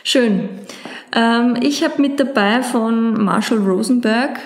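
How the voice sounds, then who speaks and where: A woman's voice: on the high side, slow pace. Thoughtful woman, roomy sound. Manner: thoughtful, searching for words with many fillers. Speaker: podcast co-host presenting a book. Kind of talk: casual explanatory chat.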